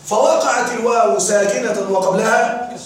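A man's voice: high-pitched, fairly even intonation, normal speed. A man teaching Arabic grammar in a classroom lecture, stopping often to quiz his students with questions. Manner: quizzes students with repeated questions. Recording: echoey classroom with faint noise.

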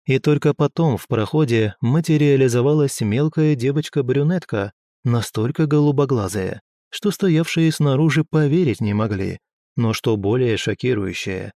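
A man's voice: medium pitch, dark tone, dry recording, clean studio sound. A man narrating an audiobook with wry, ironic asides. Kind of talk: scripted narration.

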